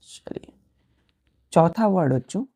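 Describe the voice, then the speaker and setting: A woman's voice: on the low side, expressive, slow, warm tone. A woman teaching an English vocabulary lesson to students, spelling out words letter by letter and often checking that they follow. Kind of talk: slow classroom vocabulary lesson.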